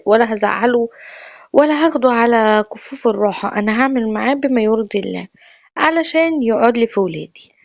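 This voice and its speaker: A woman's voice: a little high, no room sound. A woman with an Egyptian Arabic accent telling a personal family story in a chatty, confiding, emotional way. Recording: dull lo-fi dry recording.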